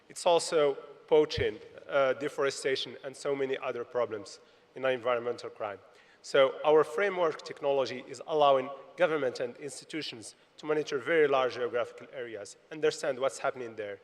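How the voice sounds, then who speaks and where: A man presenting his company's technology as a panelist at a conference, measured and listing points. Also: mid-range voice. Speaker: panelist, tech founder. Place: large conference hall. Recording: long hall reverb.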